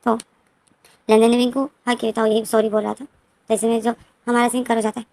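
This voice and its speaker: A woman narrates a fan story in a casual, conversational way. She often restarts and repeats phrases, and her voice sits a little high. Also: flat delivery, a little fast, warm tone, dry recording. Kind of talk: casual fanfiction retelling.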